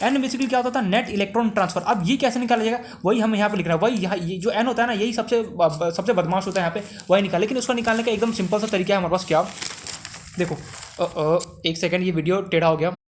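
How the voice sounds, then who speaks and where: Rapid-fire young Indian chemistry tutor. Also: male voice, high-pitched, steady tone, a little hiss or hum. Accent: Indian Hindi. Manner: rapid, talks in one breath, asks and answers himself. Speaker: chemistry teacher. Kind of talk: fast explanatory lesson.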